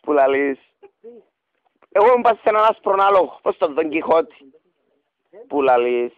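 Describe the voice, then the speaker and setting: A man with a Cypriot Greek accent pleads and rambles theatrically through a radio prank call, cooing pet names. His voice is high and swings widely in pitch. The sound is dry and slightly dull, as from a radio recording. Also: lively intonation, no echo.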